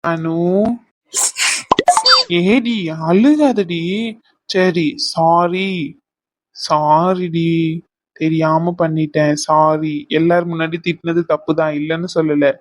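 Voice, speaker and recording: A woman's voice: low voice, fairly even intonation, slow, long pauses, a little mellow, dry recording. A woman voicing a pleading young cartoon husband. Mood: remorseful. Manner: coaxing, teasing and pleading. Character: young husband apologizing to his upset wife. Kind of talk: cartoon voice acting.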